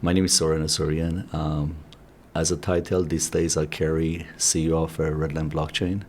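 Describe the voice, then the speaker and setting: A man's voice: very deep voice, flat delivery, moderate pace, a little hiss or hum. A middle-aged man from Iran, a native Armenian speaker, talking earnestly and reflectively as an interview guest, with fillers and restarts. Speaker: guest, company CEO. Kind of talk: interview conversation.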